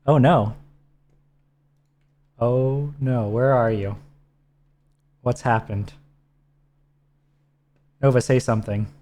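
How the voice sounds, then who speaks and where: A man co-hosts a game stream in relaxed, instructive chat. His voice sits dark and mellow, patiently talking a teammate through menus. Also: mid-range voice, slow, pauses often. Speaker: streamer co-host. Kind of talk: casual gameplay chat.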